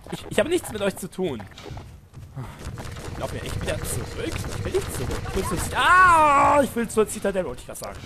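A man giving casual let's play commentary on a shooter game, excitable and quick to panic. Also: high-pitched. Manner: excitable, panicky yelps and nervous laughs. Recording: game gunfire and noise under voice.

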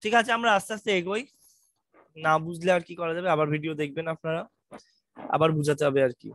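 Male math lecturer, Bangladeshi accent, high bright voice, dry close sound, patient and reassuring. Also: fast talker, no echo. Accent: Bangladeshi Bengali. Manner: reassuring, asks students questions, mixes English terms. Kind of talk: online lecture, casual explaining.

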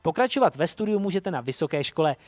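A man's voice: fairly high pitch, noisy background. A young man presenting an educational program in a formal, scripted narration. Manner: formal, even delivery.

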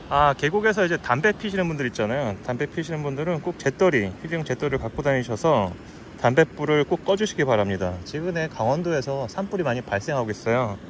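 A man's voice: on the high side, quick pace. Man narrating a fishing trip outdoors. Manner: relaxed, explanatory, with frequent fillers. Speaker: fly fishing vlogger. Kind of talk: casual narration to camera. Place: riverbank outdoors and inside a car. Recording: outdoor camera audio with background noise.

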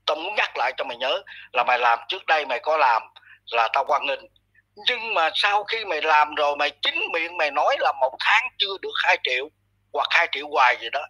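A man's voice: a little high, bright, forceful tone, slightly rough, rough recording. A man giving a blunt, scolding commentary monologue aimed at someone. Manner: blunt, scolding, addresses listener harshly. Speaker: online commentator.

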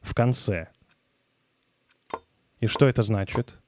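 A man with a lowish, slightly mellow voice speaks slowly into a close mic over faint background noise. He's live streaming a game, commenting casually, muttering in confusion, swearing, and reading and answering his chat.

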